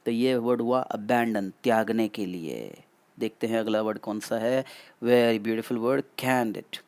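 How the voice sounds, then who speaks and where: A man's voice: lowish voice, slow pace, a little mellow, no echo. A man teaching vocabulary for competitive exams, mixing Hindi and English, repeating key points and asking his students questions. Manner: explains in mixed Hindi and English, repeats and asks the class questions. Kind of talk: exam-prep vocabulary lesson.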